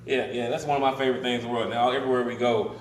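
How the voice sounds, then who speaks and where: A man's voice: medium pitch, rapid-fire, a little hiss or hum. A man co-hosting a comedy show, trading old jokes in casual banter and often laughing as he tells them. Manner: lively storyteller, laughs often. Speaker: comedy podcast co-host. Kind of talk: casual banter, joke-telling. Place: comedy club. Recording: echoey room from far off.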